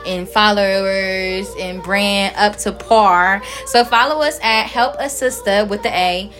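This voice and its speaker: A woman in her late twenties co-hosting a podcast, talking loudly and projecting her voice in casual, joking chat. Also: medium pitch, slow pace, soft background music. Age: late 20s. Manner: loud, projecting voice; playful, bursts into song. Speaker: podcast co-host.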